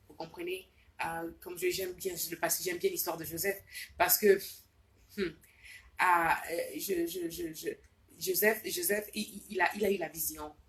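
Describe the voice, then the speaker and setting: A woman's voice: lowish voice, rough recording. Fervent woman preacher, Ivorian French accent. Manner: fervent, swings from soft musing to loud urgent exhortation; repeats words as she searches for them. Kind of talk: live preaching and prayer exhortation.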